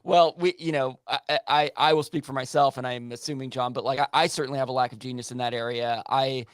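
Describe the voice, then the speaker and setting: Man, podcast host, eager rambling chatter, mid-pitched, dry close sound. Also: steady tone, quick pace, dry recording. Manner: enthusiastic, rambling. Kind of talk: casual podcast chat.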